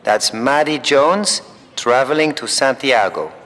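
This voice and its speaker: An actor playing a calm, formal male airport announcer who reads flight numbers slowly and clearly. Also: mid-range voice, big-room sound. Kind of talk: scripted language-course recording.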